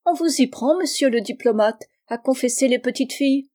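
A woman voicing a tart, flirtatious spinster in an audiobook reading, with a sharp, high-pitched voice and a quick, touchy manner. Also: close to an everyday voice. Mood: teasing. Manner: teasing, quick to take offense.

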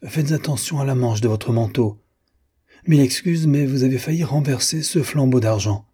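A man voicing a vain, fussy wealthy gentleman who talks in a pompous, condescending way. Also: mid-range voice, moderate pace, husky, voice pushed up, close to an everyday voice.

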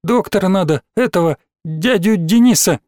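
A man reading a story aloud, voicing a frightened young boy who pleads in a high, tearful, near-sobbing voice. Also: moderate pace, a little mellow, no echo, studio quality, close to an everyday voice. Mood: worried. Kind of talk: audiobook character voice.

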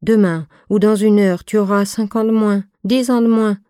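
A woman reading the part of a stern but motherly fifty-two-year-old friend, speaking in an even, soft, deep voice. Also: moderate pace, smooth, no room sound, clean studio sound, natural voice. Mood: posé. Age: 50s. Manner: voix égale et douce; ton de voix profond. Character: femme de cinquante-deux ans, amie sévère et maternelle. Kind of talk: scripted audiobook reading.

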